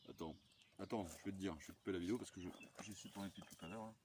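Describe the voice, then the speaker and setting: Speaking at a racing pace in a deep voice over a noisy background, a man films himself chatting as an amateur radio operator. His talk is slangy and laid-back, rambling along as he corrects himself.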